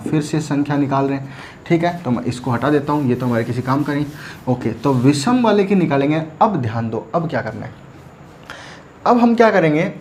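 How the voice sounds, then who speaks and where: A man with a fairly high, darkish voice teaches math at a board in a classroom lecture, with slight background noise. He asks and answers his own questions and keeps telling students "ध्यान देना" to pay attention.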